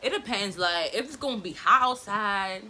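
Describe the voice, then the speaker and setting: A woman talks casually to her viewers while putting on makeup. Her voice is bright and punchy, with animated, slangy emphasis and distracted pauses. A faint layer of room noise sits behind her. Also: medium pitch. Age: 20s. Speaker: vlogger. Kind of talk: casual get-ready-with-me chit chat.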